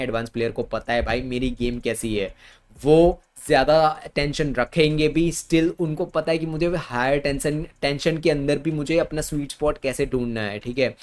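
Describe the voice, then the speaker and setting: A man's voice: mid-range voice, moderate pace. A man with an Indian accent explaining badminton racket choice over slides in casual Hindi, repeating words for emphasis. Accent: Indian Hindi with English terms. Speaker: badminton coach.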